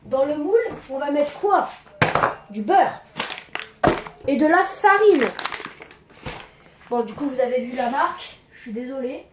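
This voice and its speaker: Chatty high-voiced young woman cooking. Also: expressive, a little slow, pauses often, noisy background. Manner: chatty, joking, self-mocking asides. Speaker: home cooking tutorial maker. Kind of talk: casual cooking tutorial. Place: home kitchen.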